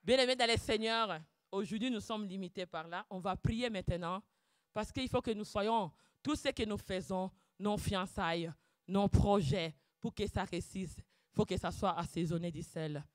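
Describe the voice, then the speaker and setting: A woman giving a fervent preaching testimony, breaking into loud shouted calls of praise and dropping to quiet, low asides. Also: moderate pace, dry recording, clean studio sound. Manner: drops to quiet, low asides between outbursts. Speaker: church speaker giving testimony.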